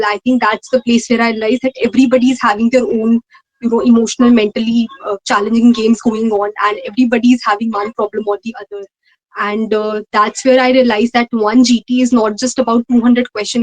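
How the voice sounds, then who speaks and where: Young Indian woman, higher-pitched voice. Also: rough recording. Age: young adult. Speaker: interview guest, medical postgraduate exam ranker. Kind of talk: conversational interview answers.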